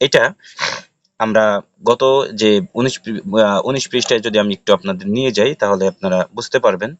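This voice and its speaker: A man with a Bangladeshi Bengali accent teaching Quran reading step by step. He spells each letter slowly, then chants the joined word. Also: fairly low pitch, no echo.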